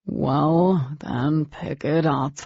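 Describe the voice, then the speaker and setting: A woman voicing a tired, bored male high school teacher speaking in a weary, flat way. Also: extremely slow, vocal fry, husky, dry recording, dull audio, full character voice.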